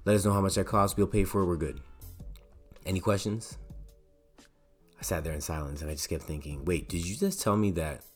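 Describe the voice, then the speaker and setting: Young canadian guy, deep low voice, storytelling, acts out the people he quotes, bit of music behind. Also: a little fast, long pauses. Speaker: podcast host. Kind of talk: personal storytelling monologue.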